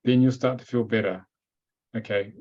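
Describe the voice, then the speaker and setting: This webinar host and teacher answers questions during a live Q&A on a video call, staying direct and matter-of-fact and hammering his points home through repetition. He speaks at a normal speed in a lowish, slightly mellow voice with fairly even intonation. The call audio is dull and lo-fi.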